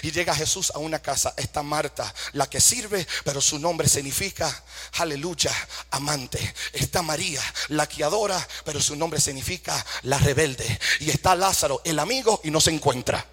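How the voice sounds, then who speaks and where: A man's voice: a little high, moderate pace, a bit bright, breathy edge, in a large hall. A man preaching a fervent sermon, asking rhetorical questions, calling for amens and mixing English phrases into his Spanish.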